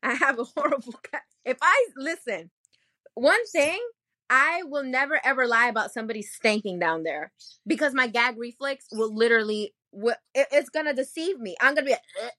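A young woman co-hosting a podcast in casual chat, blunt and animated, laughing often. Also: a little high, fairly quick, no room sound, clean studio sound. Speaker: podcast co-host.

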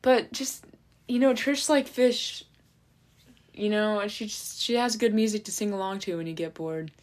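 A woman's voice: medium pitch, unhurried. Giggly young woman co-hosting a chat. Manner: giggly, rambling, jokey. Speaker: co-host. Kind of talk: casual comedic chat.

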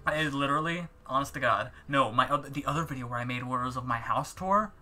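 A man's voice: mid-range voice, fairly quick, bright, forceful tone. A young man in casual chat, rambling through stories with lots of fillers and self-mockery. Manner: rambling storyteller, filler-heavy, self-mocking. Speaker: co-host.

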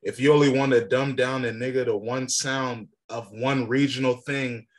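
A man's voice: mid-range voice, steady tone, normal speed. A young man co-hosting a podcast, arguing his point in casual, profane talk and cutting in over his partner. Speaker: podcast co-host. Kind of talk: casual debate about rap.

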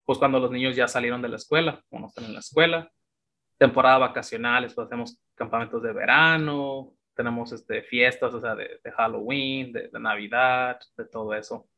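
Mexican guy in his 30s, bright voice, chatty and relaxed, lots of fillers. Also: mid-range voice, a little fast, muffled recording. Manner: relaxed storytelling with many fillers. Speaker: guest. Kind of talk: casual interview chat.

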